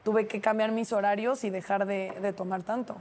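A woman's voice: mid-range voice, little pitch movement, normal speed, darkish tone. A Mexican woman on a talk show panel, talking candidly and casually about her own habits. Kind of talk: casual chat.

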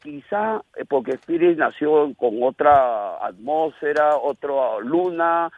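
A man's voice: fairly high pitch, lively intonation, takes it slowly, no echo. A man in his sixties with a Caribbean Spanish accent calls a radio show, telling rambling stories in streetwise, profane slang. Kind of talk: casual rambling storytelling. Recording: radio call over a band-limited phone line.

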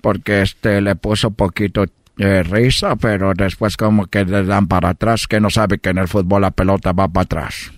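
A man's voice: steady tone, normal speed, no room sound, studio quality, close to an everyday voice. A man voicing a grumpy, short-tempered soccer coach who judges a contest in a comedy radio sketch and curses crankily. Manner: cranky, cursing, flares into shrill shouting.

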